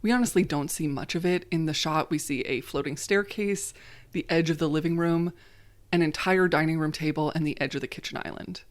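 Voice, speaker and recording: A woman's voice: low-pitched, brisk. A woman from the United States narrating a scripted video essay in a conversational, wry way, dropping in joking self-corrections.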